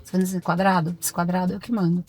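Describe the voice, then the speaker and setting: A Brazilian woman, a pediatrician, talking as a podcast guest in firm, animated stories full of acted-out dialogue. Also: lowish voice, fast, faint music behind. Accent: Brazilian Portuguese. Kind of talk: podcast interview conversation.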